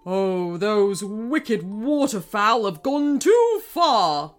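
A woman's voice: high-pitched, huge pitch swings, slow, a bit bright, faint music behind, voice pushed up, exaggerated voice. Woman voicing a bellowing bread-roll king. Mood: enraged. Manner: bellowing, spitting insults. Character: hot-tempered male bread king.

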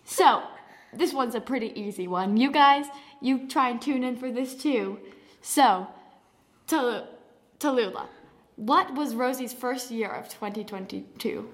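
A woman with a slightly high voice runs a silly mock interview. She asks her questions in a giggly, sing-song way and breaks into game-show jingles. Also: a little slow. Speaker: podcast host asking the questions. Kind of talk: playful mock interview and quiz.

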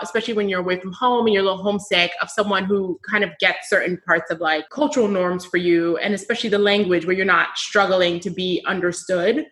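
A woman's voice: medium pitch, bright, forceful tone. A young American woman hosting a podcast, chatting casually with a friend and laughing often. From United States. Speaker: podcast host. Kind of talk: casual chat.

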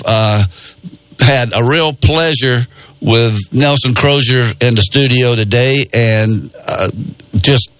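A man's voice: mid-range voice, a bit bright, dry recording. A man hosting a radio show in a studio, talking in a folksy, rambling way. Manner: folksy, rambling with many pauses. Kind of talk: casual radio talk. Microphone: studio microphone.

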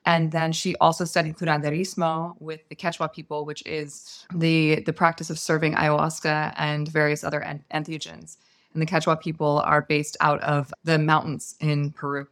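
A woman's voice: deep voice, little pitch movement, moderate pace. An American woman from the San Francisco Bay Area, telling her personal story conversationally as a podcast guest. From San Francisco Bay Area, USA.

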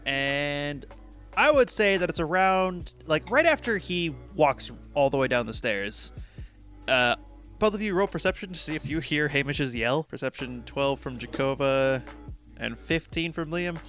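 A man narrating as game master in a tabletop game, with a relaxed, chatty way of talking. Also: on the high side, a little slow, soft background music. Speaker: dungeon master.

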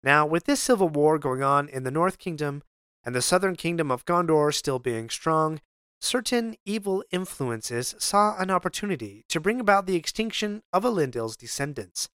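A man's voice: on the high side, animated, moderate pace, a bit bright, clean tone, no room sound, clean studio sound. A man hosting a podcast, narrating fantasy lore in a scripted, explanatory way with wry asides. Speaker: podcast host.

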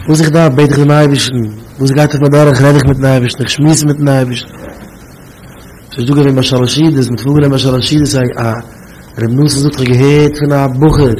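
A man's voice: mid-range voice, steady tone, darkish tone, a little hiss or hum, low-quality recording. Emphatic man. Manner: emphatic and repetitive, slow drawn-out stresses.

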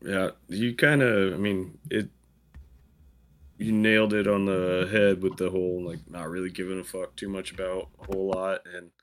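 A man's voice: deep voice, flat delivery, normal speed, fairly bright tone. A man co-hosting a podcast, talking casually in a laid-back, easygoing manner. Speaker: podcast co-host. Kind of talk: casual chat.

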